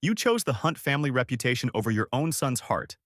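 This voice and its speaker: A man's voice: mid-range voice, sing-song, a little fast, a bit bright, no echo, studio quality, voice pushed up. A man playing a wealthy son who coldly banishes his scheming mother, in a storybook reading. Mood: furious. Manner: cold, commanding, angry.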